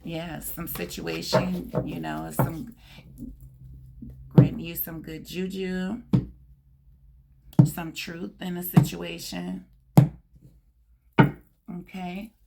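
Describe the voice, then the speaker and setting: A woman with a hoarse, scratchy voice giving a tarot card reading, reading out card meanings and chatting casually to her viewers. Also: lowish voice, fairly even intonation, drawn-out words, long pauses. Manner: reads card meanings aloud with chatty asides. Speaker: tarot reader.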